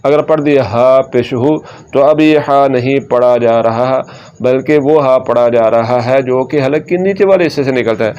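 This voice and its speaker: Man, recitation teacher, patient syllable drilling, smooth resonant voice, dull lo-fi recording. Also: mid-range voice, darkish tone. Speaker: Quran reading teacher. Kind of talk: recitation lesson. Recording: muffled lo-fi sound.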